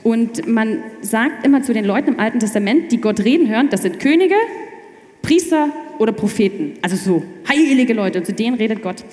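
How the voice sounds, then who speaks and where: A young woman telling her faith story in casual chat, animated and quick to restart her sentences. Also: on the high side. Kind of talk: personal testimony in casual chat. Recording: echoey room with long reverb.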